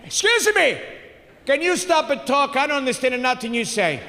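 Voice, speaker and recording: A man voicing an angry immigrant father who speaks loud broken English, recorded live with hall reverb. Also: extremely high pitch, very animated, normal speed, slight background noise, voice pushed up, full character voice. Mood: indignant. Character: angry immigrant father shouting at a call center.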